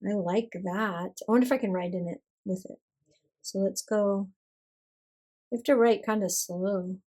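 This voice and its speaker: Sitting at her desk for an ink swatching session, a woman who vlogs about stationery talks in a relaxed, self-deprecating way. A cold has left her mid-range voice slightly hoarse, and her pace is normal.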